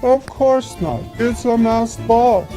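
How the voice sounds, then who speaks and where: A woman's voice: a little high, slow pace. A woman playing a breezy, playful masked-ball host in a theatrical film comedy style. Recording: loud guitar music behind.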